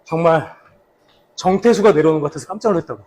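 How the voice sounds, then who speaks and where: A man with a slightly husky voice casually reminiscing for a vlog while out slow running. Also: fairly high pitch, darkish tone, a little hiss or hum. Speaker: actor, vlog host. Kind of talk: casual vlog reminiscing about a past drama role.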